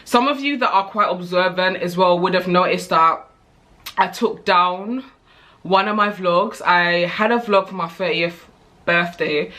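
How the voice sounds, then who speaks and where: A woman's voice: lowish voice, fairly bright tone. A British woman in her thirties chatting candidly to camera as a vlogger, rambling with frequent asides. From United Kingdom. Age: 30s. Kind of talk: casual chat to camera.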